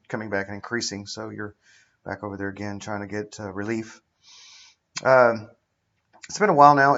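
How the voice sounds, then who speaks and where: A middle-aged man giving a casual, explanatory account as a patient, speaking in a halting, matter-of-fact way into a webcam indoors. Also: lowish voice, fairly bright tone. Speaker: patient recounting his own surgery. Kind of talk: casual explanatory vlog monologue. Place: indoors, living room with high ceiling. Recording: dull lo-fi webcam audio.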